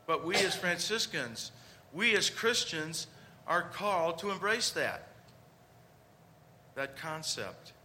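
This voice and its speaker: A man's voice: a little high, expressive, takes it slowly, long pauses, pushed and bright, a little hiss or hum. A man preaching a conversational homily, with rhetorical questions and emphatic points.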